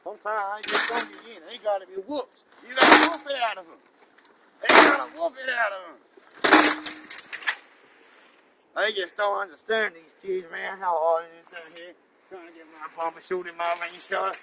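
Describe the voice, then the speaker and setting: An actor playing a scruffy, eccentric drifter who rambles and drawls in a character comedy outdoors. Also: male voice, high voice, level tone, a little fast, very noisy. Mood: rambling. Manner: rambling, drawling, calls everyone "boy".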